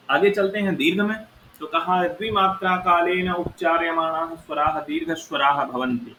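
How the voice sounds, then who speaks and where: A man's voice: on the high side, bright, forceful tone. A man teaching Sanskrit grammar, explaining step by step and sounding out vowels aloud to show their length. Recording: echoey room with faint noise.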